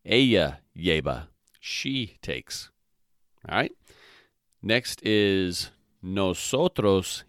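A man's voice: on the low side, fairly bright tone, dry recording, studio quality. A man hosting a podcast that teaches Spanish, spelling out words letter by letter, repeating phrases and often checking in with "all right?". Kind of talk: slow, methodical language lesson.

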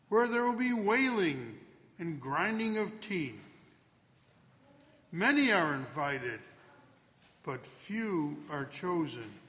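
A man solemnly proclaiming scripture at a church service in a measured, declamatory way, with cathedral echo around his voice. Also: sits high, pushed and bright. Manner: measured, declamatory, with rising and falling cadence. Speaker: clergyman proclaiming the Gospel at Mass. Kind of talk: solemn liturgical scripture reading. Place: large reverberant church.

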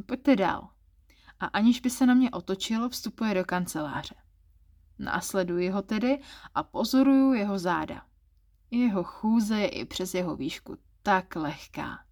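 A woman reading a first-person erotic story aloud in a soft, intimate, self-conscious way. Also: medium pitch. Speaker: story reader.

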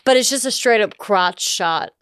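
A young woman with a very clear, crisp voice talks through a film's plot in long, chatty stretches. She co-hosts a casual review podcast. The sound is dry and close, with no room around it. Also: medium pitch, expressive, moderate pace, fairly bright tone, no echo. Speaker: podcast co-host. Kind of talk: casual movie review chat.

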